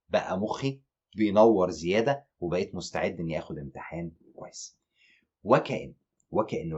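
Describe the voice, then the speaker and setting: Speaking with an Egyptian Arabic accent, a man teaches an online exam-prep lecture in an animated way, mixing English terms into his explanations. His voice is on the low side and husky, and the recording is muffled.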